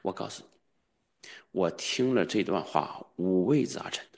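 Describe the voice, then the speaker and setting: A man preaching as a pastor, swinging between quiet low asides and loud, high, fervent exclamations, at times chanting repeated commands in prayer. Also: expressive, unhurried, creaky. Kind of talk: charismatic sermon.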